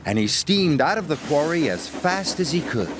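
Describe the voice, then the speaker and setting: A man narrating a children's storybook in an expressive, unhurried reading. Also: on the high side, heavy background noise. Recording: music playing behind.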